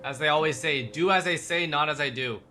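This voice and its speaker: A man's voice: fairly high pitch, fairly quick, sharp tone, slight background noise. A man livestreaming casual reaction commentary in an informal, slangy way. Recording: faint music behind the voice.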